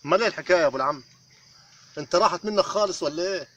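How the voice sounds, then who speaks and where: A man's voice: sits high, racing, fairly bright tone. A man playing an exasperated, teasing stoner pal in an Egyptian comedy sketch, with repetitive, colloquial stoner talk. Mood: teasing, incredulous. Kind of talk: comic sketch acting. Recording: faint noise with insect ambience.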